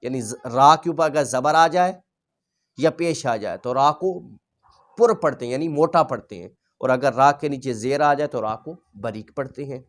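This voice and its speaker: A male Quran teacher explaining a reading lesson patiently, repeating each rule and sounding out letters slowly. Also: mid-range voice.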